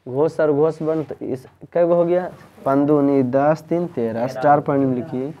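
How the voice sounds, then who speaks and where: A man's voice: on the high side, steady tone, a little slow, dull audio. A man, teaching a grammar lesson in a tuition classroom and asking students the same questions again and again. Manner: drills students with repeated questions.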